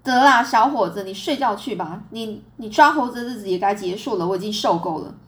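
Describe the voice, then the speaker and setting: A woman's voice: mid-range voice, expressive, a little fast, lightly acted. A woman voicing a stern, exasperated farm mother who scolds her son. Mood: scolding.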